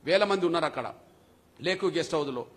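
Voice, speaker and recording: A man's voice: fairly high pitch, expressive, fast talker. A man with a Telangana Telugu accent giving a public speech at a meeting, telling a story with passion and repetition. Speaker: speaker at a community leaders' meeting.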